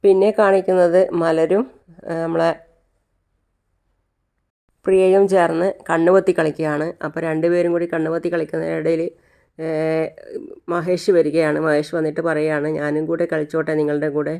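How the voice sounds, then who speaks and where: A storyteller casually retells a TV serial episode. The talk halts with restarts and fillers, in a smooth, clear voice at a middle pitch. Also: level tone, moderate pace, pauses often, a little mellow.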